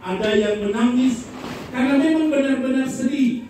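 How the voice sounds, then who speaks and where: A male pastor, telling jokes in a lively sermon and asking the congregation for amens. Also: extremely high pitch, moderate pace. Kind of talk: humorous Christmas sermon. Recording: echoey hall from far off, noisy.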